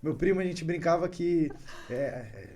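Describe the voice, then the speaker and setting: A man, a guest entrepreneur telling anecdotes on a casual podcast, animated and chuckling often. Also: a little high, measured pace, a little hiss or hum.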